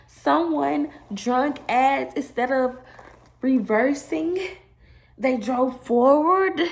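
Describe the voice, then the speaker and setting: A young adult woman telling a casual storytime to her viewers, animated and emotional, swearing and calling them y'all. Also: sits high. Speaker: beauty vlogger telling a storytime.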